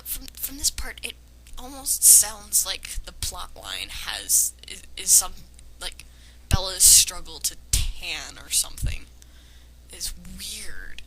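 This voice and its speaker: On a clearly noisy amateur home recording, a woman gives a dramatic reading of fan fiction, breaking in with casual, sarcastic, nitpicking asides in which she sounds hesitant. Her voice is fairly high-pitched with a sharp tone.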